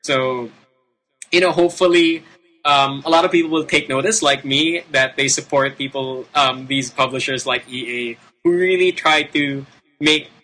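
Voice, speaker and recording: A Filipino man hosts a casual gaming show. His mid-pitched voice is very bright and sharp, with a Filipino accent. He rambles unscripted and leans emphatically on repeated words. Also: normal speed, poor audio. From Philippines. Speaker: video game show host. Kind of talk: casual, unscripted game commentary.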